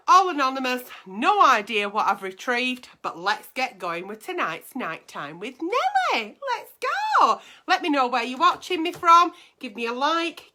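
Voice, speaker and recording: A woman's voice: high-pitched, sharp tone. A woman hosting a chatty livestream in a campy, theatrical, cheeky auntie manner. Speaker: host of a live online advice show. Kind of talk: chatty livestream, reading out viewers' messages. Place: bedroom at home.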